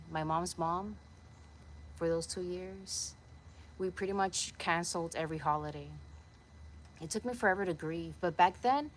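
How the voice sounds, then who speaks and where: A fairly low female voice, with slight background noise, belongs to a young Puerto Rican woman vlogging in her backyard. Earnest and a touch preachy, she rambles casually to a camera placed nearby.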